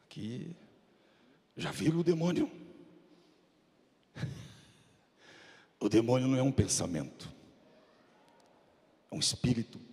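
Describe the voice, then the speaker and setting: Fervent Brazilian pastor in an echoing church. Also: male voice, mid-range voice, big pitch swings, slow, vocal fry, pauses often, dark tone. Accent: Brazilian Portuguese. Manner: fervent, dramatic storytelling preaching. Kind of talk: sermon. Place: church sanctuary. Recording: reverberant church hall.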